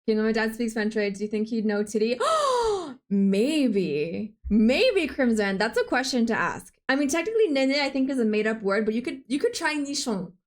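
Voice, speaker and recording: A young woman with a slightly high voice chats playfully with her live-stream audience. She talks quickly and casually into a desk mic, reading chat messages aloud and tossing back jokes. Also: sing-song. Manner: chatty, playful, quick-talking.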